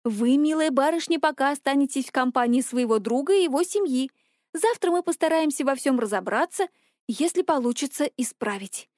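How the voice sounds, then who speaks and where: A woman's voice: high voice, lively intonation, a little fast, darkish tone, dry recording, studio quality. A woman voicing a fussy, fretful little official who wails and frets breathlessly. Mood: flustered wailing. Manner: wailing, breathless, flustered.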